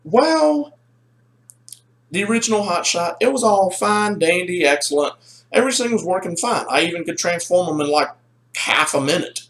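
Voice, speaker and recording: A man telling a rambling, animated story in a casual toy review. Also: sits high, normal speed.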